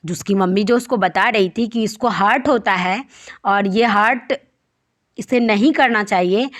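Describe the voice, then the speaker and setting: A woman teaching English, reading a children's story line by line and explaining each phrase. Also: a little high. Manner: reads English lines slowly, then explains in quick Hindi.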